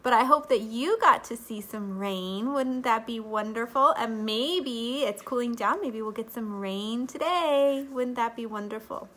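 A woman in her thirties, slightly congested from allergies, teaches kids a Bible lesson in a sing-song teacher voice, captured close up by a webcam or phone in her living room at home. She's a little high-pitched and a bit bright, speaking unhurriedly with few pauses.

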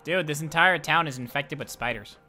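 A giggly co-host quickly chatting over a game and sometimes doing voices for characters. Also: mid-range voice, bright, forceful tone, faint music behind. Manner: giggly, quick, reads lines aloud in put-on voices. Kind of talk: casual gameplay chat.

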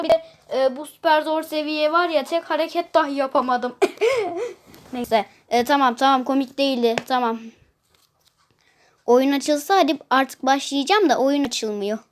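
A woman chatting casually while playing a mobile puzzle game, complaining about hard levels and humming to herself. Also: high voice. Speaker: gameplay streamer. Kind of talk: casual gameplay commentary.

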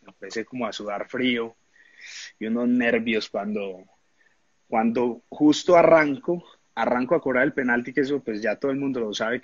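Husky man telling stories. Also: medium pitch, no echo, muffled recording. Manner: animated anecdotes, acts out voices, laughs often. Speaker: former footballer interviewed. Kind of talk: casual interview storytelling.

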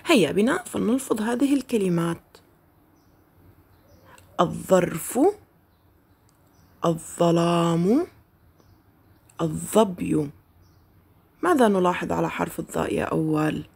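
Husky-voiced woman teaching young children. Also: on the low side, lively intonation, a little mellow. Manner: slow, drawn-out modeling of words for children to repeat. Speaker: first-grade Arabic teacher. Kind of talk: recorded children's lesson.

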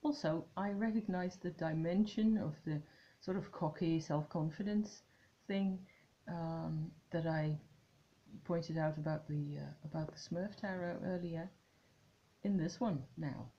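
A woman's voice: sits low, measured pace, muffled recording. A woman vlogging about tarot at home, chatting to camera in a musing way and trailing off into restarts. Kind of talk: casual chat to camera.

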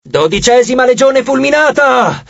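Man doing a fierce young warrior woman, shouted orders, raised high voice, dry dull audiobook sound. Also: lively intonation, normal speed, creaky, no room sound, exaggerated voice. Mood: battle cry. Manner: shouted commands.

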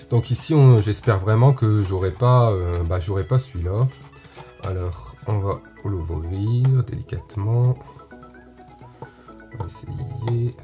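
A man's voice: fairly low pitch, lo-fi sound. A man hosting a casual unboxing vlog, chatting straight to his viewers and often repeating himself. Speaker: unboxing video host.

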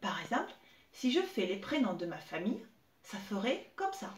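A woman in her thirties teaching young children remotely, spelling out syllables slowly and clearly as she claps. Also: mid-range voice, big pitch swings. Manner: slow, clear, exaggerated syllable clapping. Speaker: preschool teacher. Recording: echoey room with faint noise.

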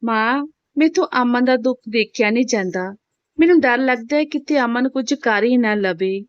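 An earnest young brother swears to protect his sister, as a woman reads him in her own higher voice. The sound is dull and dry, with no room around it. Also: animated, moderate pace, dry recording, close to an everyday voice. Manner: earnest, reassuring. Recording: dull, dry home recording.

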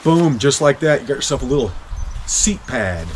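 A man in his forties from Kansas, a hiking vlogger, reviews hiking gear on a winter back deck against a noisy background. His voice is medium-pitched and moderately paced, and his manner is chatty and joking with excited outbursts.

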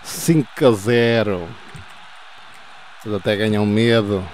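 A man in his fifties with a European Portuguese accent, doing playful football commentary over his own gameplay, yelling goal calls and cheering players on between calm score recaps. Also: fairly low pitch, slow pace, a crowd in the background. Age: 50s. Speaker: gaming channel host.

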